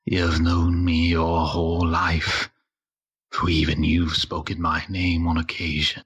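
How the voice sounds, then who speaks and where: A man voicing an ancient female spirit of deceit who speaks in a slow, solemn, tempting way during a tabletop game role-play. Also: low-pitched, bright, forceful tone, slightly rough, exaggerated voice.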